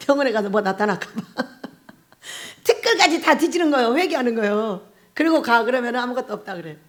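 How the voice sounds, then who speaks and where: A middle-aged woman, a pastor and prayer house director, gives a conversational sermon, asking the congregation rhetorical questions and often breaking into laughter. Her fairly high voice is expressive and brisk.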